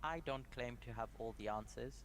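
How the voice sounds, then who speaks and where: A young man from Zimbabwe leading a prayer and a Bible study, speaking in short measured phrases with pauses for an interpreter. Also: medium pitch, a bit bright. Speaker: guest Bible study presenter.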